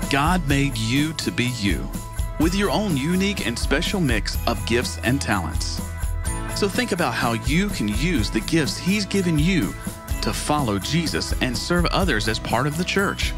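A man giving scripted narration for a children's Bible video, explaining things gently step by step. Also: medium pitch. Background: guitar music.

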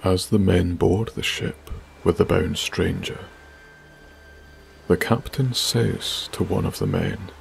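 A man narrating a bedtime sleep story in a soft, hushed, breathy manner. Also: sits low, steady tone, slow pace, a little hiss or hum.

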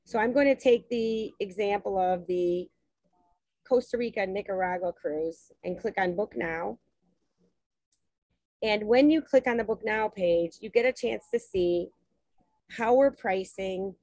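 A woman's voice: medium pitch, dark tone, no echo, poor audio. A woman hosting a travel webinar on a video call, talking through a shared screen in a chatty way with many ums and restarts. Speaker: host presenting travel packages. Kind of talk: webinar presentation while sharing screen.

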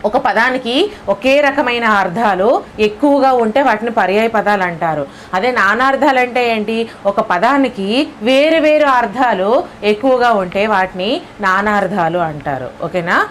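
A woman with a Telugu accent teaching an exam lesson step by step, often checking with "okay?", her voice lower than usual from early morning. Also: animated, measured pace, slight background noise.

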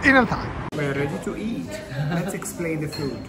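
A man's voice: on the high side, animated, normal speed, a loud crowd. A man in his forties chatting as he guides a food tour, eager and talkative. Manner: enthusiastic, chatty. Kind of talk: casual food tour chat. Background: music.

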